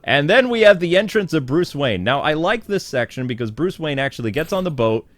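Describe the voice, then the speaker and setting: A man's voice: on the high side, big pitch swings, a little fast, no room sound. A man giving a casual, opinionated spoiler review of a cartoon episode, chatty, full of fillers, laughing now and then. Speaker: TV show reviewer.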